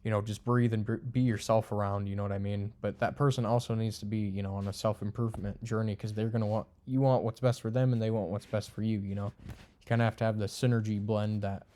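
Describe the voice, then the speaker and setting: A man's voice: on the low side, fairly even intonation, quick pace, mellow. A young man giving casual, unscripted commentary to camera, blunt and crude, rambling with lots of fillers. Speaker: video creator ranking friend types.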